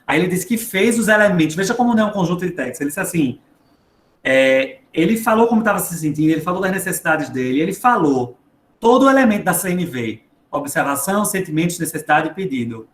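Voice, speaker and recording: A man, a psychologist reading a book aloud and commenting on it in an earnest talk, slowing down to stress words. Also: high voice, big pitch swings. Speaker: psychologist guest speaker. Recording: echoey room with faint background noise.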